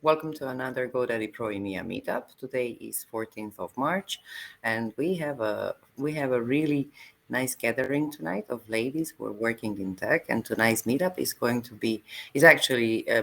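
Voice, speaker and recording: A woman hosting an online meetup over a video call, speaking haltingly with many fillers and restarts. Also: very deep voice, creaky, a bit bright, rough recording. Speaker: meetup host.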